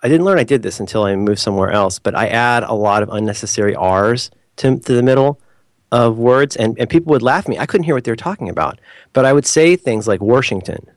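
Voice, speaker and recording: Lively Midwestern man, dry teasing wit. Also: medium pitch, quick pace, no echo. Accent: American Midwestern. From American Midwest. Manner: dry, playful teasing with mock-serious asides. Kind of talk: casual comedic chat.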